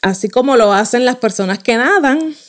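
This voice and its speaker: Woman as a voice coach giving a lesson, a little high, clear and measured, talks straight to the listener. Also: lively intonation. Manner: clear, measured teaching with direct address to listeners. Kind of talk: lesson on voice and speaking.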